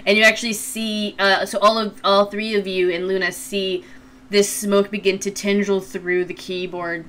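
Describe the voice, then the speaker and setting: A woman running a tabletop game as game master, improvising the narration in a playful, halting way. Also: medium pitch, little pitch movement, a bit bright. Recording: faint background noise.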